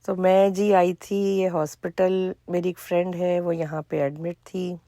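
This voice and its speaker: A middle-aged woman, chatting casually in a cooking vlog, hoarse for now and full of chatty asides. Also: on the low side, flat delivery, mellow, no room sound, clean studio sound. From Pakistan. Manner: chatty, storytelling with asides and quoted dialogue. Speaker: vlogger.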